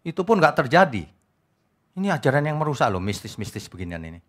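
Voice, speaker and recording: A man preaching an evening prayer sermon as pastor, with a mocking, lively manner. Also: medium pitch, fast talker.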